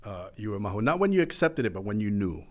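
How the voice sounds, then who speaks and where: A man's voice: lowish voice, very animated, quick pace. A man with a Hawaii accent hosting a podcast, asking probing questions and backing up his guests with short encouraging replies. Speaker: podcast host. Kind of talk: conversational interview.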